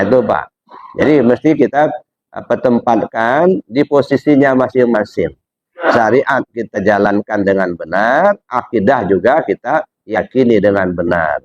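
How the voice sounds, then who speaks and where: A man's voice: medium pitch, a little mellow, no room sound, highs cut off. A man from Indonesia giving informal religious teaching, talking directly to a listener with rhetorical questions and frequent "ya, dah.".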